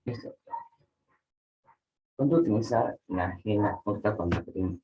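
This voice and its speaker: Very deep gravelly Peruvian teacher. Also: male voice, unhurried, lo-fi sound. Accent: Peruvian Spanish. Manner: explains with frequent checks like "¿no?" and fillers "este". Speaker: language teacher. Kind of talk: online class lecture.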